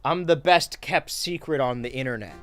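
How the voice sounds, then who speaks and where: A young man casually chatting on a gaming livestream, wry and relaxed, reading chat aloud while he plays. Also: mid-range voice, normal speed. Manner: laid-back, wry, reads chat aloud while playing. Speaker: streamer and YouTuber.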